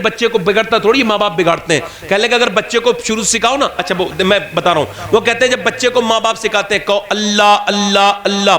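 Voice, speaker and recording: This sermon comes from a man with an Indian Urdu accent addressing a religious gathering, his delivery shifting between quiet narrative passages and high-pitched shouting at the peaks.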